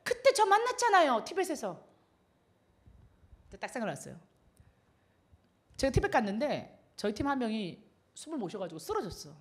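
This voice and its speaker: Woman preacher, middle-aged, fast lively storytelling, high voice, laughs a lot. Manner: animated storytelling, acts out dialogue, laughs often. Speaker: missionary. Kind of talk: sermon with storytelling.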